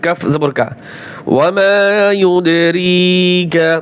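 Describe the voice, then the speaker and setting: A man teaching Quran recitation, spelling words out letter by letter, quizzing learners, and chanting verses slowly and drawn out. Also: a little high, clear, resonant tone. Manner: drills letter by letter, asks learners questions, slow drawn-out chanting.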